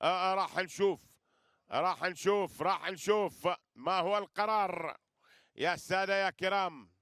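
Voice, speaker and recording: High, bright-voiced male sports commentator. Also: moderate pace, no room sound, clean studio sound. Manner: repeats phrases, addresses listeners with flourishes. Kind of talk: live wrestling commentary.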